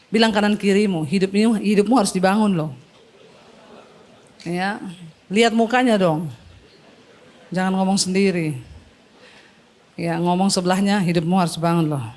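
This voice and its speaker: A woman pastor with a medium-pitched voice preaches a sermon, exhorting her congregation through call-and-response. She blends casual asides with formal prayer.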